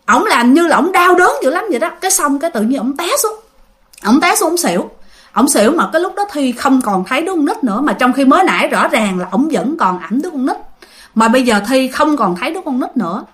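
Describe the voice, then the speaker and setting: A Southern Vietnamese woman tells a ghost story as if chatting with friends, often turning to her listeners. Her voice sits high and leaps up and down with lively energy. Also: fast talker. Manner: animated, talks straight to listeners. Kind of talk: casual spoken storytelling.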